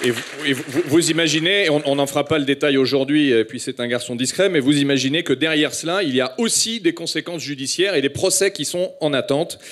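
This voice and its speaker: French man moderating a panel, halting speech, slightly high voice. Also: a bit bright, a faint crowd. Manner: halting, many hesitations.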